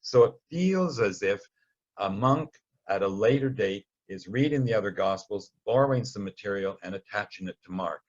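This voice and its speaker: A Bible study teacher gives an informal, explanatory lesson, conversational and storytelling with wry asides, acting out short quotes. His voice is on the low side, animated and darkish, at normal speed, and the recording has its highs cut off.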